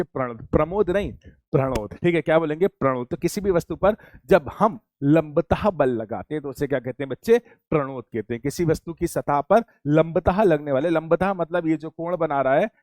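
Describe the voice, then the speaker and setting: A man's voice: on the high side, darkish tone, no room sound. A man teaching a physics class online, repeating key points and quizzing his students with call-and-response questions. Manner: addresses students as beta and bachhe.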